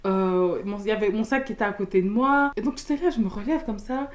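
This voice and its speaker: A young woman from Belgium, telling a storytime in casual slangy chat, loud and expressive, acting out the people in her story. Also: mid-range voice, fast talker. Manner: casual slangy talk with many fillers.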